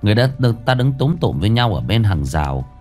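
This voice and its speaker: Lively low-voiced male storyteller. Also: fairly quick. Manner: grave, dramatic storytelling. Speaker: horror story narrator. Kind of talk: scripted horror narration. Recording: faint music behind.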